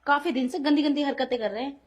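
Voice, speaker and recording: A woman's voice: sits high, fast, natural voice. A woman voicing an indignant young wife in an audio drama, who scolds and protests sharply at her pushy brother-in-law. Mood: uneasy. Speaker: voice actor. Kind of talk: Hindi audio drama acting.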